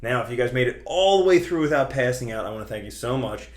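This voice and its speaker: A man with a mid-range voice hosts a cryptocurrency trading video channel, talking to viewers quickly with lively intonation. His explanations are chatty, colloquial and emphatic, and the recording sounds roomy and echoing.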